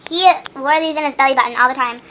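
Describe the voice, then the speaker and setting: A woman's voice: high voice, fairly even intonation, racing. A young woman chatting casually and jokingly with a friend into a home camera. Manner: joking, teasing, giggly. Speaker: vlogger. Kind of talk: casual silly chat with a friend. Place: a house, indoors. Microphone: camera mic. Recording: noisy home camera recording.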